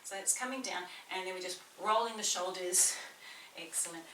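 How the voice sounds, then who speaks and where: In a small indoor room, a chatty personal trainer with a slight New Zealand accent encourages a beginner through a workout, talking a lot. Her lowish voice is pushed and bright at a moderate pace, with slight background noise. A distant mic adds roomy echo and faint ambience.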